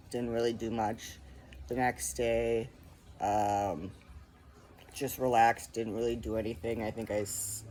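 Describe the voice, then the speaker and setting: A young male vlogger with a medium-pitched, darkish voice gives a casual, rambling personal update from indoors at home. His storytelling is loaded with ums and likes, and faint animal noises can be heard in the background.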